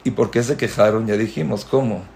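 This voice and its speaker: A man's voice: on the low side, fairly quick, vocal fry, a little mellow, slight background noise. A man teaching a religious class, lecturing with rhetorical questions and emphatic repetition. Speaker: Torah teacher.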